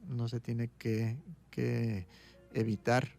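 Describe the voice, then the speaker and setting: Brief: male doctor, interview guest, gravelly mid-pitched voice, patient explanatory delivery. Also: slow, soft background music. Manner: calm, explaining, tags points with "¿sí?".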